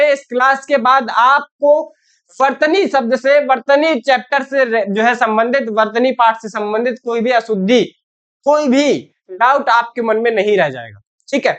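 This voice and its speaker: A woman teaching a Hindi spelling lesson to ninth graders. She keeps asking her pupils questions, says "theek hai" again and again, and calls them "beta". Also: on the high side. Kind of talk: online class lesson for 9th graders.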